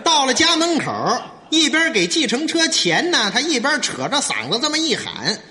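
A man tells a comic story in crosstalk style, his voice high and bright. He swings lively through the characters as he talks. A long hall reverb trails each line. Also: moderate pace. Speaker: crosstalk performer.

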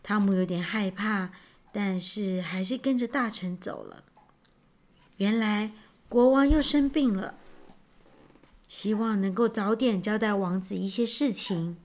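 A woman narrating a children's story in an animated, expressive storytelling manner. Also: mid-range voice, unhurried, long pauses.

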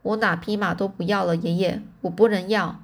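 A woman's voice: mid-range voice, steady tone, normal speed, lightly acted. An earnest young boy explains his choice with sincerity, voiced by a woman reading a storybook in her own voice. The reading is plain, with small stumbles and restarts.

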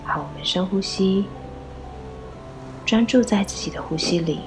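A woman leading a guided meditation, gently giving instructions in a soft, breathy voice with pauses. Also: mid-range voice. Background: background music.

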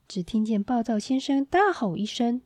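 A woman storyteller reading a children's story aloud in a gentle, expressive way, on a close mic. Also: fairly high pitch, normal speed, no room sound.

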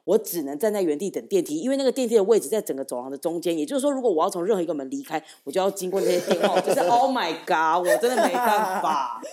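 A young woman tells a spooky tale in rapid, breathless bursts. Her pitch sits a little low yet swings widely as she builds tension, and she talks like a casual guest on a chat show. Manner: animated storyteller, builds suspense. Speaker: guest, theatre director. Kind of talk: casual ghost-story telling.

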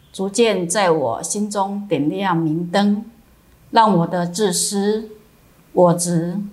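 A woman Buddhist teacher reading a sermon calmly and telling Chan koan stories. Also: fairly low pitch. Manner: slow, calm, measured reading.

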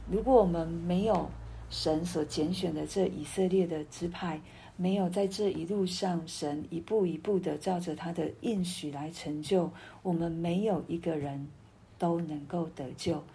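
A woman delivers a sermon on a Bible passage in a somewhat low voice. Her tone is mellow and soft-edged. She speaks earnestly, pausing often and restarting phrases as she reaches for the words. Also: fairly even intonation, gravelly, slight background noise. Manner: earnest, halting, with repeated restarts. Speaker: preacher.

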